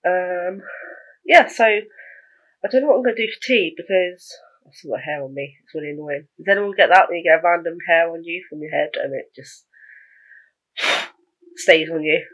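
A woman's voice: fairly low pitch, normal speed, long pauses, lo-fi sound. A young woman vlogging in a casual, rambling way, chatting to the camera about her day with small laughs.

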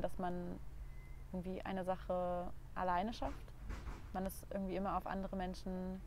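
A woman's voice: medium pitch, a little mellow, a little hiss or hum. A young woman crew member on a sailboat, talking casually in a hesitant, thoughtful way with many fillers. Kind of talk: casual interview talk.

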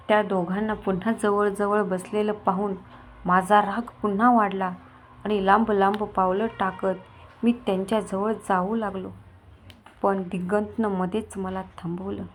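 A woman reads a dramatic story aloud in the first person, shaping each scene with expressive storytelling. Her voice sits at a middle pitch. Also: a little hiss or hum. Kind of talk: narrated dramatic story reading.

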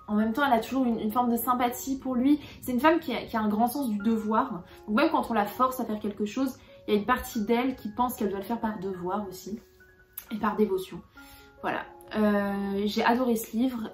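A woman's voice: medium pitch, a little mellow, roomy sound. A young woman talking casually about books she read, hesitating often with fillers and restarts. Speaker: book vlogger. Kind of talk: casual book review.

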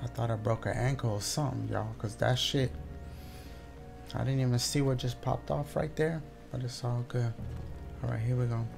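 A man's voice: mid-range voice, steady tone, normal speed, gravelly, over music. A young man doing casual, sweary live commentary as a scared horror game streamer talking to his viewers. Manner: nervous, scared horror gamer, swearing often.

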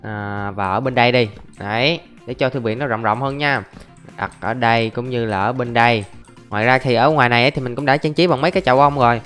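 Faint music sits behind a young YouTuber's quick, slightly bright mid-range voice as he chats through a casual Let's Play. He describes every step and keeps calling out to his audience.

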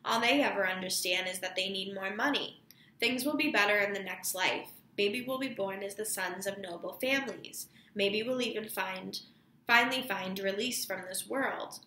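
A woman reads out an earnest, troubled boy pleading his case. The voice is bright with a gravelly edge. The room around it is echoey. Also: mid-range voice, moderate pace, slight background noise.

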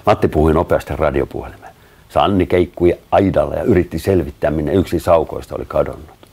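A man reads a children's story aloud in an expressive, storytelling way. His voice is very low and gravelly, with a husky grain. The pitch rises and falls widely as he narrates.

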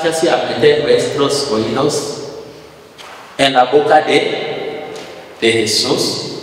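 A preacher who speaks slowly in a fairly high voice, stumbling over and repeating words before he presses a point home. His sermon rings out in a large, echoey hall with a long reverb. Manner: halting, repeats words, rising to emphatic.

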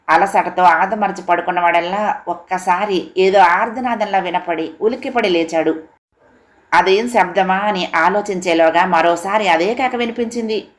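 A woman narrating a family audiobook story in a steady, expressive reading voice. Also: lowish voice.

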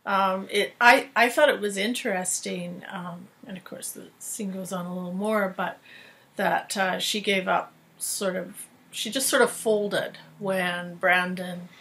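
A woman's voice: medium pitch, steady tone, a little slow, pushed and bright. A woman co-hosting a podcast, giving thoughtful, hesitant commentary. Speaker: podcast co-host. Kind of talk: casual commentary chat.

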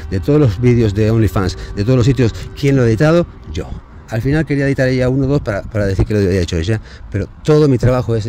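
A man telling his side of a breakup into a phone camera, unscripted and halting, restarting words and growing more pleading. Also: lowish voice, dark tone, slight background noise. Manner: aggrieved, rising and pleading as he goes. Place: outdoors, near a train line.

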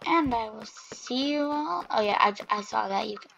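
A woman's voice: fairly high pitch, animated, normal speed, gravelly, a bit bright, highs cut off, slight background noise. A woman giving rambling, self-interrupting casual commentary over her own gameplay, with keyboard typing behind her. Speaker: gaming video creator.

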